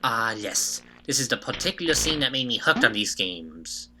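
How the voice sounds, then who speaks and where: Hosting a scripted YouTube retrospective, this young man jokes his way through in a wry, mock-dramatic style. His medium-pitched voice is sing-song at a moderate pace, over a noisy background.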